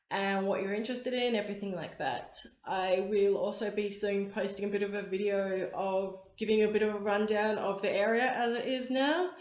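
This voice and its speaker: A woman who is losing her voice chats casually about crystal grids in a rambling, friendly way, with lots of ums and likes. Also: a little high. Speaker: crystal grid teacher and seller. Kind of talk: casual chatty vlog. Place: indoor shop space. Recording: roomy, dull lo-fi sound.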